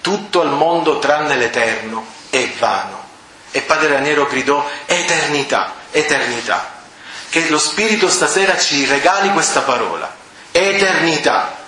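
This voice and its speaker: A man from Sicily, preaching a fervent sermon to a prayer group and swelling to near-shouting on key words. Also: a little high, animated, moderate pace. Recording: echoey hall with faint ambience.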